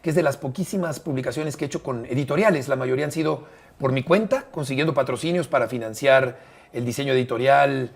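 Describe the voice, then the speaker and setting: An older Mexican man with a Mexican Spanish accent tells stories in a relaxed, conversational way as an interview guest; he is a broadcaster and bullfight writer. His mid-range voice is creaky, and he speaks in a measured manner, filling pauses with "eh" and repeating phrases.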